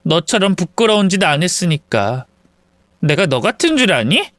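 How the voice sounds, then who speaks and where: A woman narrator voicing a spiteful young woman, a mistress, who talks in a sharp, scornful and accusing way. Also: fairly low pitch, very animated, normal speed, no room sound, studio quality.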